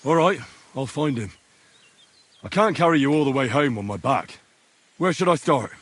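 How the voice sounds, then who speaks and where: A man's voice: mid-range voice, animated, normal speed, fairly bright tone, dry recording. An actor playing a young male hero in a video game who asks short, dry questions.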